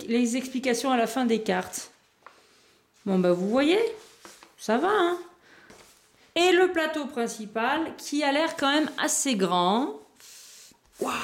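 A woman with a somewhat high voice hosts a casual board game unboxing. She chats easily and thinks aloud as she lifts out each piece, showing it to the viewers. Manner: chatty, thinks aloud while handling items, small laughs.

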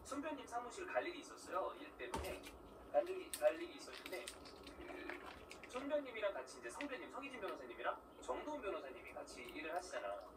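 A man's voice: high-pitched, sing-song, fast talker, recorded from a distance, very noisy. A man hosting his own video, chatting casually about football while chewing a mouthful of food, explaining things and tossing rhetorical questions to viewers. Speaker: vlog host.

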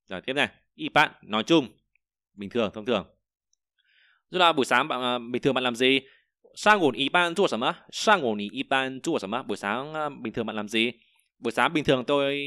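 Man, language teacher, bright forceful voice, dry close sound, patient repetition. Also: mid-range voice, clear, resonant tone, no echo. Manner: explains word by word, repeats example sentences slowly; frequent hesitations. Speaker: Chinese teacher. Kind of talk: vocabulary lesson.

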